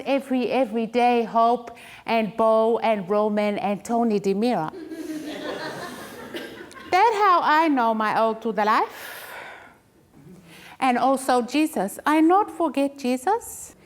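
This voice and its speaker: A naively cheerful newly arrived woman, put on by a woman performer gushes in broken English. The voice runs high and slow, and the cheer is laid on thick.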